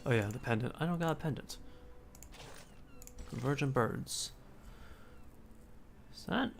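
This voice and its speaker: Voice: mid-range voice, lively intonation, takes it slowly, vocal fry, a little hiss or hum. A streamer giving casual commentary on a story game, chatting, reading the text aloud and throwing in puzzled asides.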